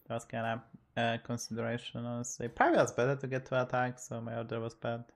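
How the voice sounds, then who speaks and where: Fast-talking man commentating on his game. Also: mid-range voice, gravelly, a little hiss or hum. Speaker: game streamer. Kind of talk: casual gameplay commentary.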